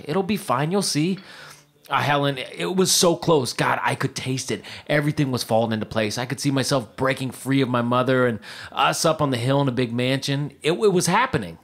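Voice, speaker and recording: In a period audio drama, an actor voices a keen, self-deluding screenwriter who can't catch a break, pleading in a rapid, stammering rush. His pitch is medium and his tone fairly bright, the mood defensive yet hopeful.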